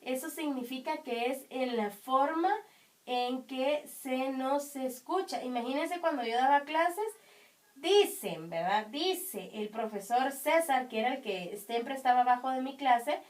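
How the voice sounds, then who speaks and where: A woman teaching young children, explaining patiently with many checking questions, her high voice strong and carrying. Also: measured pace, recorded from a distance. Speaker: primary school teacher. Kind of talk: online class for children.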